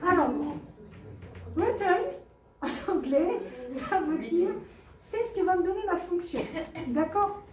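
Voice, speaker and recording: High-voiced woman teaching from afar. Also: animated, slow pace, long pauses. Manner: patient, repeats and asks the class questions. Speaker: math teacher. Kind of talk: classroom explanation. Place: classroom. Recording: echoey classroom from far off.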